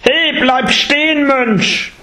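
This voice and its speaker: A man voicing a fierce, desperate young male bandit who shouts in a high, strained voice. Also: lively intonation, moderate pace, close to an everyday voice. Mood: shouting.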